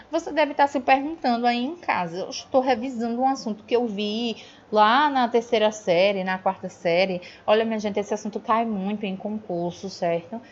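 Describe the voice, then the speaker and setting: A woman's voice: fairly high pitch, a little hiss or hum. A Brazilian woman teacher going over grammar in a recorded review lesson, explaining step by step and checking in with her students. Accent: Brazilian Portuguese. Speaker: Portuguese teacher. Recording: dull lo-fi audio.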